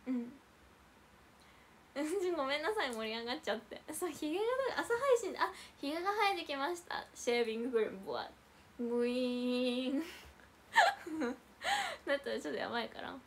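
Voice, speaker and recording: A woman's voice: high-pitched, big pitch swings, fairly quick, a little hiss or hum. A young woman hosting a casual idol livestream, chatting and reading out viewer comments with frequent giggles.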